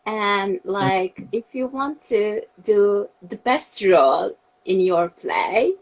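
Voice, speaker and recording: A woman's voice: mid-range voice, slow, rough recording. A young woman in her twenties from Turkey, a cheerful, enthusiastic interviewee on a video call. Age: 20s.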